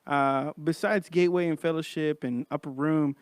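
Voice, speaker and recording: A man hosts a podcast in casual, buddy-to-buddy talk. His voice sits a little high for a man and is recorded dry, with no room sound around it. He speaks informally, like he's chatting with close friends. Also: fairly even intonation, normal speed, clear, resonant tone, dry recording. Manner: informal, says man and bro often. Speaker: podcast host. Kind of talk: casual chat.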